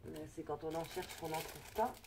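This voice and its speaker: A woman's voice: deep voice, normal speed, vocal fry, very noisy. A woman vlogger chatting casually through a crafting haul, hesitant and full of fillers and restarts. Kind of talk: casual product haul chat.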